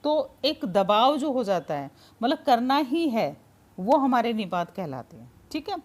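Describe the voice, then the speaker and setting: A woman's voice: fairly high pitch, big pitch swings, measured pace. A woman teaching a grammar lesson in a patient, informal way, explaining with many everyday examples and checking in often.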